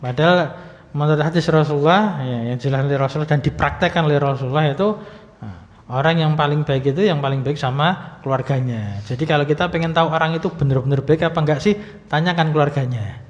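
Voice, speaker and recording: A man teaches Arabic grammar in a religious study lesson, explaining patiently with lots of fillers and some light humor. He talks fast in a fairly high voice, and the recording is muffled with long hall reverb.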